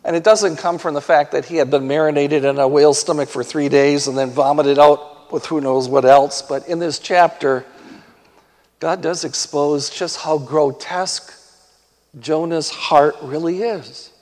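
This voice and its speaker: A man's voice: on the high side, fairly even intonation, unhurried, a little mellow. Emphatic male pastor in a reverberant hall. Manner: emphatic, rhetorical questions. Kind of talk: sermon.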